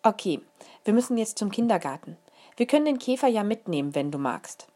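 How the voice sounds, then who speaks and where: A woman voicing a gentle mother who explains things to her small daughter in a lively, patient way. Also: mid-range voice, fairly quick, voice pushed up. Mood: cheerful. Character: warm, careful mother of a small girl.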